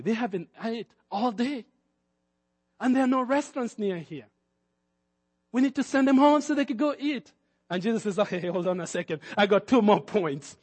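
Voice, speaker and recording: Preaching in a high, ringing, husky voice, a pastor from Kenya drives his sermon up to forceful peaks and voices the characters in his stories. Long hall reverb echoes around him.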